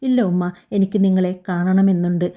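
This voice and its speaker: A woman voicing a gentle, hurt young pregnant wife who speaks softly and pleadingly. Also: lowish voice, fairly even intonation, moderate pace, muffled recording, natural voice. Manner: soft, pleading.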